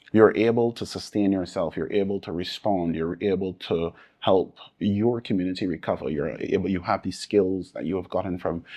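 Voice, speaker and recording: A man from Barbados with a Barbadian accent, answering interview questions earnestly in measured, repetitive lists of points. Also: sits low, a little mellow. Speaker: interview guest, disaster resilience advocate.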